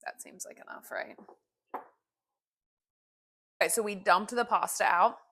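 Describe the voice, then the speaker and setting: A woman's voice: medium pitch, measured pace, vocal fry, bright, forceful tone, husky. A woman cooking pasta in her home kitchen, explaining each step in a chatty, casual way.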